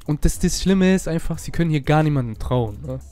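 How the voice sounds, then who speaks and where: Man, rowdy gangster roleplay, very fast, fairly high voice. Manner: loud, excitable street slang. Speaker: roleplay streamer. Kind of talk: in-character roleplay gameplay.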